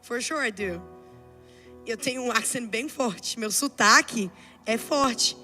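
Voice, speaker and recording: Bright, high-voiced Brazilian woman preaching. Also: slow pace, soft background music. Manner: impassioned storytelling building to fervent exhortation. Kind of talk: sermon. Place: church service.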